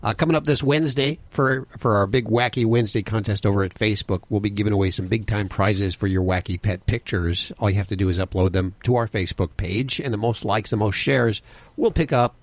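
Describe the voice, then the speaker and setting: A man's voice: lowish voice, no echo. A man hosting a pet radio show, chatty and upbeat, with casual restarts and filler words. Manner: upbeat, chatty, a bit halting.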